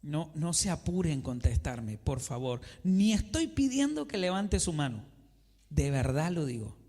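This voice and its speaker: A man preaches a sermon in a church, his voice sitting high and his delivery slow and deliberate. He quizzes the congregation and answers himself, and he acts out conversations between a believer and God. A long church reverb trails after every phrase. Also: sing-song, warm tone. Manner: asks the congregation questions and answers them himself. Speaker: pastor.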